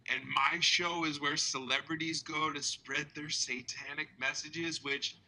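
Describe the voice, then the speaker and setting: A man joking as a talk show guest, delivering mock-earnest accusations in a deadpan way. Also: fairly high pitch, unhurried, poor audio. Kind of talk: comedic talk show banter.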